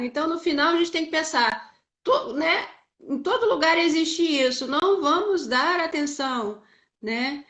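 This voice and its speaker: A woman's voice: high voice, fairly bright tone. A Brazilian woman speaking as a guest in a casual live chat, reflective and explaining at length. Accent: Brazilian Portuguese. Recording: echoey room.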